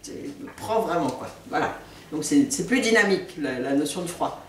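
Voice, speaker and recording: A woman giving a relaxed spoken language lesson, repeating each new word slowly and patiently. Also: deep voice, a little hiss or hum. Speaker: language teacher. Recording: echoey room, mic at a distance.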